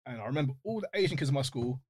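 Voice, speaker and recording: A man's voice: mid-range voice, lively intonation, very fast, darkish tone, breathy edge, no room sound, clean studio sound. A man chatting casually and explaining, repeating words as he forms his thoughts. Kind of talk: casual chat.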